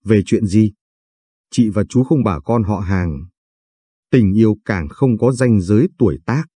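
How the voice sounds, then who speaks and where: A man voicing a mischievous teenage boy teasing his older sister in an audio story, playful and teasing, with a dark, husky voice. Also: fairly low pitch, unhurried, no room sound, studio quality. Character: cheeky teenage boy, mischievous little brother.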